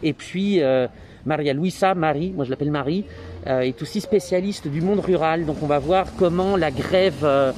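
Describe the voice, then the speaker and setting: A man with an accent from France hosts an informal interview in a mellow, slightly high voice. His delivery is conversational and hesitant, a little muffled by a face mask. Faint background noise sits behind him. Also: normal speed. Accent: French from France. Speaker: interviewer and reporter. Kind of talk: informal on-location introduction and interview.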